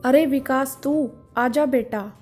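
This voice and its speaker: A woman voicing a meek, tearful middle-aged wife who speaks softly and plays down her hurt. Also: high-pitched, slow pace, husky, faint music behind, exaggerated voice. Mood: pleading. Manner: soft, self-effacing.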